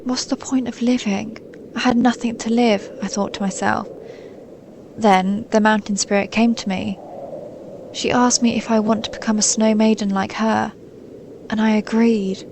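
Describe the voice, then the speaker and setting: In an intimate scripted audio roleplay, a woman plays a centuries-old snow maiden, a gentle, stoic, melancholy guardian spirit delivering a monologue to the listener in a soothing, formal, measured way. Her gravelly voice is a little high with fairly even intonation, and the mood is wistful and sorrowful. The low-quality recording carries a little hiss or hum.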